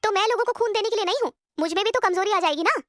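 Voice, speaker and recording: A woman's voice: very high-pitched, rapid-fire, a bit bright, voice pushed up. A woman voicing a lazy, spoiled rich young woman who talks down to her family. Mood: callous. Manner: dismissive, rude.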